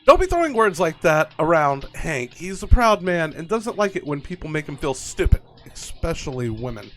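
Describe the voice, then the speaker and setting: A man's voice: fairly high pitch, very animated, normal speed, fairly bright tone, faint music behind, pitched below the performer's own voice. A man reading as a fretful middle-aged mom. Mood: resigned. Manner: fussy, nagging, keeps repeating herself. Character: worried middle-aged mother, talkative and fretful. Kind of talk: reading game dialogue aloud in character.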